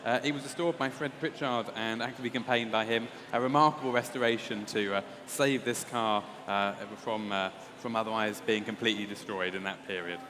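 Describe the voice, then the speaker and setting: A man presenting auction lots in loose, measured commentary, often pausing and repeating himself. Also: fairly low pitch, fairly even intonation, crowd noise. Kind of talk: semi-improvised lot commentary. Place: large auction room. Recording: echoey hall with some background noise.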